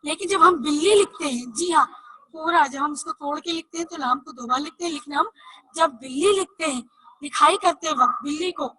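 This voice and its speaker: Woman teacher, high voice, bright tone, spells letters slowly, dry close sound. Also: no echo, rough recording. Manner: spells letters slowly, asks and answers own questions. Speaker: Urdu teacher. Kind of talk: online reading lesson for children.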